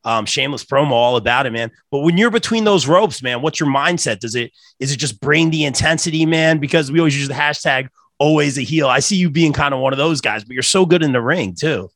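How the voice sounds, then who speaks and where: A man's voice: on the high side, a little fast, a bit bright, no echo, clean studio sound. A man hosting a casual interview in an informal, chummy way. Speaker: interview host.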